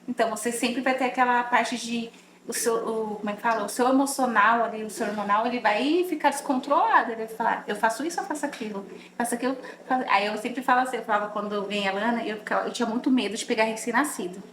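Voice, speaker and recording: A woman hosting a podcast in casual conversation, telling lively stories and acting out what she once said. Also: on the high side, fast talker, a little hiss or hum. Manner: animated storytelling, often acting out her own past words. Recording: echoey room.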